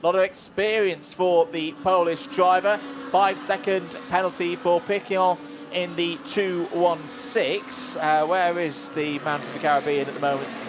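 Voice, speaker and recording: A man's voice: high voice, little pitch movement, unhurried. A man giving live motorsport commentary from a trackside box, conversational and closely following the action. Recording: clear background track and engine noise. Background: outdoor race track ambience with vehicles.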